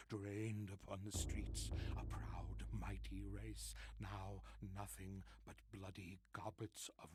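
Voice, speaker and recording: Deranged horror-story madman, theatrical and archaic, slow and swooping in pitch. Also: very noisy. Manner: lurches between hoarse whispers and manic shouts; theatrical, archaic turns of phrase. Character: deranged male survivor raving about monsters. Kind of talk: dramatic horror monologue.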